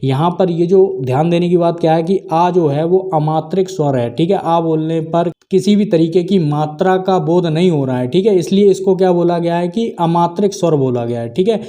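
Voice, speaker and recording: Explaining grammar in an exam-prep video, a man speaks at normal speed with few pauses, his voice fairly high yet dark in tone. He keeps peppering in "theek hai" and answers his own questions.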